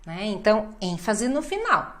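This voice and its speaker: A woman's voice: medium pitch, sing-song, unhurried. A Brazilian woman with a Brazilian Portuguese accent, teaching a pronunciation lesson and repeating words with exaggerated stress to show where the emphasis falls. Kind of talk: language lesson.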